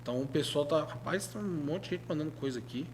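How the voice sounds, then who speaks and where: On a bit of hiss or hum, a fast-talking man with a higher-side voice and a Brazilian Portuguese accent co-hosts a football podcast, keeping the sports chat casual, emphatic and colloquial.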